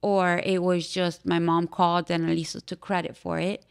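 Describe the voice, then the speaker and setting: A young woman from Miami, telling her own story as a podcast interview guest in a candid, halting way, with frequent fillers and restarts. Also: lowish voice, little pitch movement, vocal fry, clear, resonant tone. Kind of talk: personal testimony in a podcast interview.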